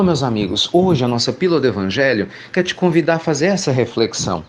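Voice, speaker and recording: A man's voice: fairly high pitch, a little hiss or hum. A middle-aged Brazilian man giving an informal spiritual reflection, talking chattily and often asking rhetorical questions. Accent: Brazilian Portuguese. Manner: chatty, warm, peppered with rhetorical tag questions. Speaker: spiritual speaker.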